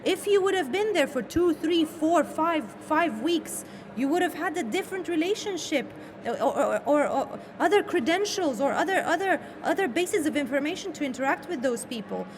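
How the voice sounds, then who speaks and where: A woman moderates and hosts a panel session, making remarks in a high-pitched, expressive voice at normal speed. She is emphatic and often repeats words for weight, recorded in a noisy live event room.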